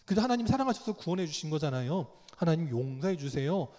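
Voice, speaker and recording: A preacher voicing a man pleading in prayer for his people, slow and earnest. The voice carries the long echo of a church hall, with lively rises and falls in pitch.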